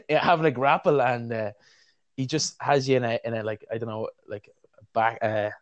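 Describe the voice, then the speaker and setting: Guy on a podcast call, animated, chatty, dry close sound. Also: medium pitch, moderate pace, no room sound, highs cut off. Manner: animated, puts on voices when telling stories. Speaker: podcast co-host. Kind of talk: casual chat.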